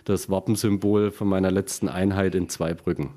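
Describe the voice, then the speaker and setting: A small craft brewer from Upper Franconia, speaking with a Franconian German accent, is a guest in a casual interview set in a small basement brewery room. His deep voice is mellow and dark, and he explains things at a moderate pace in a relaxed way with plenty of fillers.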